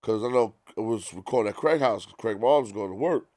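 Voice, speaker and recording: Low-voiced New storyteller. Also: male voice, fairly quick, no echo, studio quality. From New York. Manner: animated, profane, full of quoted dialogue. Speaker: guest DJ. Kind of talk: casual storytelling.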